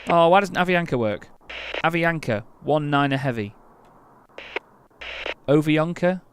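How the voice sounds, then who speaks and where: Here a man's fairly high, expressive voice comes through clear and resonant at a measured pace. He's playing an air traffic control game, chatting casually, reading call signs over radio calls, and getting exasperated when commands don't work.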